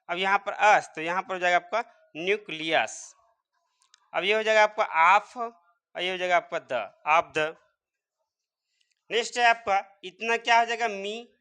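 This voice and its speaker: A man's voice: high voice, bright, forceful tone, clean tone. A man teaching English pronunciation step by step, repeatedly quizzing his viewers. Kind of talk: spoken English lesson.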